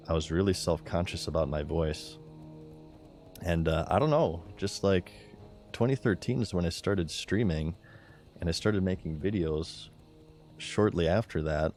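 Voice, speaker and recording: A man with a monotone, low-energy delivery, chatting casually as he streams a game. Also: a little slow, soft background music. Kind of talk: casual chat while gaming.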